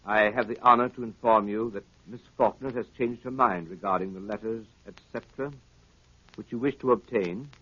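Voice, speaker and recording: A man playing a loyal gentleman doctor, husky, measured and earnest, in a 1930s radio drama. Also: fairly low pitch, no room sound. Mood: reading aloud. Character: loyal gentleman doctor narrating his detective friend's adventures. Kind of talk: 1930s radio acting, scripted narration. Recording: dull vintage 1930s radio recording.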